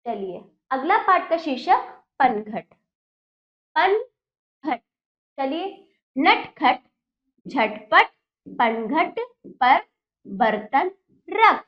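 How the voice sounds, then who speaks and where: Slow, high-pitched woman teacher, lo-fi. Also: sing-song. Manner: breaks words into syllables and repeats them slowly for children. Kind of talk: children's reading lesson. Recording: dull lo-fi recording.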